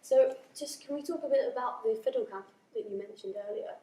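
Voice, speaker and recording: A woman's voice: fairly high pitch, fairly quick, dark tone, a little hiss or hum. Upbeat woman interviewer, roomy and distant. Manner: upbeat, frequent encouraging backchannels. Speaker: interviewer, conference steward. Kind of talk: conference interview. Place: busy conference venue.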